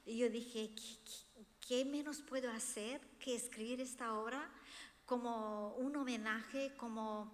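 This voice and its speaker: An author whose native language is Romanian presents her book to a seated audience in the hall of a cultural institution, and the room adds long reverb. Her fairly high voice is earnest and expressive, and she speaks slowly in a personal talk.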